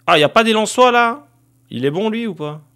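A man's voice: high-pitched, animated, brisk, pushed and bright. Chatty man commenting on his game. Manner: chatty, thinks aloud with many fillers, talks to viewers as "les gars". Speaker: gaming streamer.

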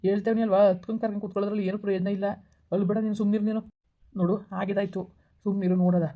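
A woman's voice: medium pitch, level tone, phone-quality sound, close to an everyday voice. A woman playing a young man who scolds and comforts a crying friend like an older brother in a village comedy skit. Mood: soothing. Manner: scolding yet reassuring, fast and blunt.

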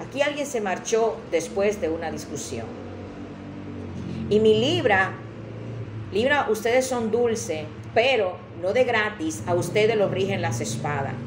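A woman's voice: mid-range voice, lively intonation, measured pace. A woman with a Dominican accent giving a chatty, dramatic tarot reading who acts out other people's lines. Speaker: tarot reader. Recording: roomy echo with faint background noise.

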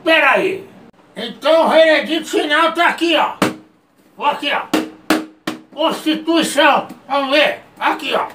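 A man doing a rowdy, high-voiced old man. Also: a little slow, long pauses, reverberant, recorded from a distance, music in the background. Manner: rowdy, insulting, yelling threats. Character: feisty old man, self-styled king, scolding a virus. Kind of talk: comedic character sketch.

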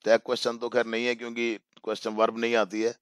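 A male English teacher explaining a story line by line in a bilingual lesson. He reads the English slowly, then paraphrases it and repeats phrases for emphasis. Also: mid-range voice, monotone, clear, resonant tone, dry recording, studio quality.

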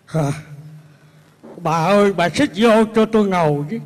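A man playing old Điệp singing high and slow. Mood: pleading. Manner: slow, drawn-out sung verses. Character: old man Điệp, a remorseful former lover. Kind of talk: comic cải lương singing and speech. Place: outdoor live stage. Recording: live stage mic over loud guitar.

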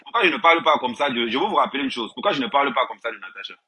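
A man's voice: mid-range voice, lively intonation, very fast, noisy background. A man ranting to viewers on a live stream, repeating himself and addressing them directly, filmed on a tablet indoors. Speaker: social media personality on a live stream.

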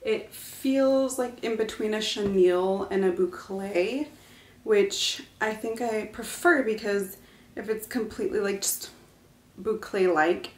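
Indoors in her living room, a young woman films a casual home decor haul vlog, chatting to the camera in a relaxed, enthusiastic way. Her voice sits at medium pitch and the sound is reverberant.

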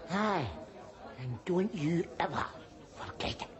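A man's voice: sits high, animated, takes it slowly, muffled recording, very noisy. An actor playing a belligerent, mouthy middle-aged working-class man from Glasgow, with a strong Glaswegian Scottish accent, ranting sarcastically in a TV sitcom. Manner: ranting, sarcastic, bursts of jeering shouts. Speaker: sitcom lead character. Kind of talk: television sitcom acting.

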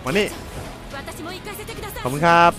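A man with a Thai accent giving casual, excitable commentary over a video game, repeating catchphrases as he plays. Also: slow, over music, poor audio. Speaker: gameplay commentator.

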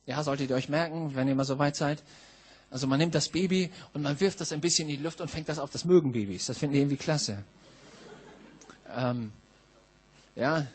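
A middle-aged man from northern Germany preaching a sermon, telling a personal story emphatically, dropping low and then rising to shouts. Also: a little fast, slightly rough. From Schleswig-Holstein, northern Germany. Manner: emphatic, swings from hushed to shouting.

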